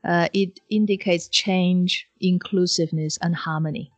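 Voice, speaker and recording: A woman's voice: fairly low pitch, fairly even intonation, a little slow, faint music behind. A woman co-hosting an explanatory podcast discussion, choosing her phrasing carefully and with some hesitation. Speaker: podcast co-host.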